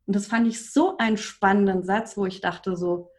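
A woman in her forties, a coach and trainer, telling her personal story in an emphatic, animated way as a podcast guest. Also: medium pitch, normal speed. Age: 40s.

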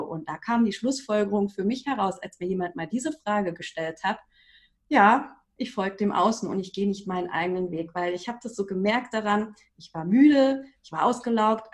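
A woman in her forties, working as a coach, tells her own story with lively emphasis. She talks as a guest in a podcast interview and leans into each point. Her pitch sits in an ordinary middle range. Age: 40s.

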